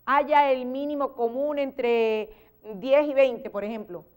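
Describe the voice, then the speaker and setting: A Venezuelan woman teacher with a smooth, resonant voice pitched a little high. She explains grammar patiently on a TV interview, piling up example sentences. Her delivery turns lively whenever she acts out an example. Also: takes it slowly. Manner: lively, exclaims when acting out examples. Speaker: teacher guest.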